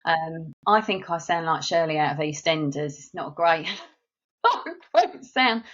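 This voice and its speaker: The speaker is a middle-aged woman with a South East London accent and a mid-range, fairly bright voice, captured in dull audio. As a guest on a casual interview podcast, this marketing agency director chats amiably and tells stories.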